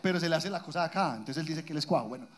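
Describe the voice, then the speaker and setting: High pitched guy telling funny stories on a live show, swears a lot, animated. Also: racing, a little hiss or hum. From Colombia, Guatapé area. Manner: animated, profane, laughing storyteller. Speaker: podcast co-host. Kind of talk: live comedic storytelling. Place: live stage before an audience.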